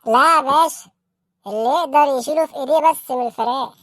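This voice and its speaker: Talking fast in a high, slightly bright voice, a performer voices a naive young street hustler in an Egyptian comedy cartoon. The character, a respectful petty-crime suspect, comes across earnest, deferential and matter-of-fact with an Egyptian accent, in clean studio sound with no room sound.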